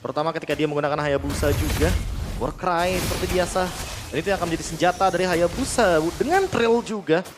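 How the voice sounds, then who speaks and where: A man's voice: a little high, fast, music in the background. A man giving analytical esports commentary as a co-caster, explaining tactics as the match runs.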